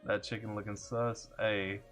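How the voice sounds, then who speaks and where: This man's lowish voice has little pitch movement, a measured pace and a slightly bright edge, with soft music behind him. He's a Southern-accented Kentucky music reaction streamer at his home computer, casually reading chat aloud, joking around and greeting viewers by name.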